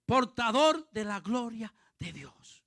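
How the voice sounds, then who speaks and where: A male pastor preaching a fervent sermon, dotting it with hallelujahs and rising to shouts. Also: extremely high pitch, very animated, slow, no room sound, studio quality. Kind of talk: impassioned sermon.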